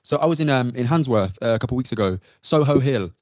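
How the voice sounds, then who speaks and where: A man's voice: medium pitch, expressive, quick pace, a little mellow, dry recording. A man hosting a podcast, asking thoughtful, earnest questions. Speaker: podcast host. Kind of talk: casual interview chat. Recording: dry, dull lo-fi audio.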